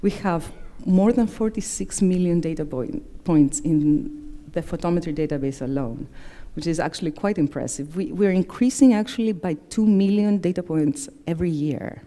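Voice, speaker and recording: A middle-aged Greek woman, a native Greek speaker, presents the annual report to members as executive director. Her low-leaning voice is warm, and her measured delivery is full of fillers and self-corrections.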